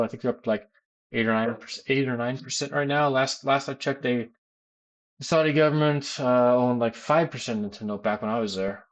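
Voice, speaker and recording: Answering chat during a laid-back gaming stream, this American guy, an adult teacher by profession, keeps restarting himself and filling gaps with lots of ums. He talks at a medium pitch in a loose, rambling way.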